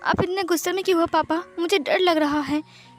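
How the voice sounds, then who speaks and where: A woman's voice: very high voice, fairly even intonation, moderate pace, soft background music, pitched above the performer's own voice. A woman voicing a scared, confused young man. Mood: confused pleading. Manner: pleading, anxious questions.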